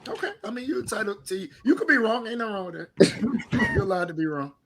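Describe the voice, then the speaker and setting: A man's voice: high-pitched, big pitch swings, rapid-fire, background noise. A man co-hosting a podcast, arguing sports in a casual, teasing way and laughing often. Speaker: podcast co-host.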